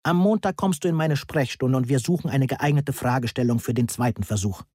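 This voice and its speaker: A man's voice: mid-range voice, a little fast, mellow, no echo, studio quality, natural voice. A man reading the part of a kindly older male professor who speaks in an encouraging way.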